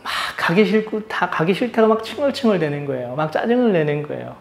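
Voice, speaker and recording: A man's voice: high voice, sing-song, quick pace, vocal fry, echoey room. A man in his thirties, a pastor preaching a sermon and telling a personal story, his voice rising and dropping as he acts out what people said. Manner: storytelling, acts out quoted voices softly and loudly. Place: church sanctuary.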